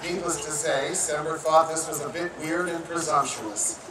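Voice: mid-range voice, steady tone, normal speed, a loud crowd. A wedding officiant telling a playful, teasing story about the couple during an outdoor ceremony. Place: outdoor public garden. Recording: echoey, distant outdoor sound with noise.

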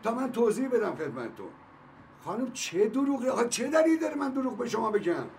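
A man's voice: very high voice, sing-song, gravelly, a little mellow, exaggerated voice. An actor playing a polite, placating man in a TV drama. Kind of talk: TV drama acting. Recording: distant, noisy background.

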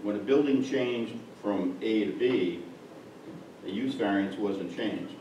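A village board member argues a point at a public meeting, insistent and rambling, his voice lowish, slow, and warm. He is heard from afar in an echoey meeting room through a distant mic, with noise and the highs cut off.

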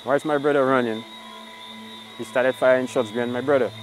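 A man's voice: medium pitch, steady tone, brisk, faint music behind, low-quality recording. A man giving interview testimony, telling events step by step. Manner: plain step-by-step account. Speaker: victim's brother.

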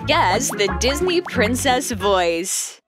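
A woman's voice: fairly high pitch, big pitch swings, slow pace, over music. A woman hosting a quiz with scripted narration. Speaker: quiz host.

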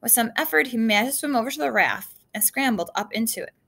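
A woman's voice: on the high side, expressive, fast, gravelly, fairly bright tone, husky. A woman reading a children's adventure novel aloud, casual, with slips and asides to her listeners.

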